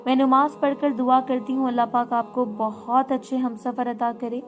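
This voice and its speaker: A soft-spoken young woman, devout and weighed down by sorrow, as a female storyteller voices her. She speaks quietly in a slightly high register, a gentle storybook figure. Faint music plays underneath. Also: flat delivery, moderate pace, lightly acted. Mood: wistful.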